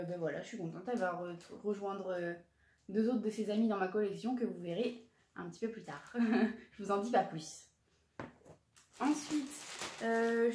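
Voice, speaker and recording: A woman's voice: mid-range voice, warm tone, a little hiss or hum. A woman in her twenties chatting casually in a haul vlog, hesitant and full of fillers as she shows what she bought. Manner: chatty, hesitant with many fillers and self-corrections. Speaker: vlogger showing her purchases. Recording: roomy echoey room.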